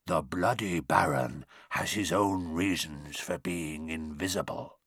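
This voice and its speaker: Tense schoolboy, urgent and low-key, read by a man. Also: slow pace, slightly rough, dry recording, studio quality, exaggerated voice. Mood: hoarse whisper. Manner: urgent, hushed.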